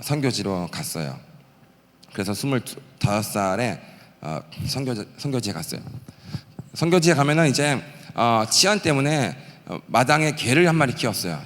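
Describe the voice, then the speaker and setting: A man in his late thirties from the Gyeongsang region preaching a testimony sermon, telling his story with animated energy and acting out the prayers and shouts he quotes. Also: on the low side, in a large hall. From Gyeongsang region, South Korea. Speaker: pastor and missionary. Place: church sanctuary.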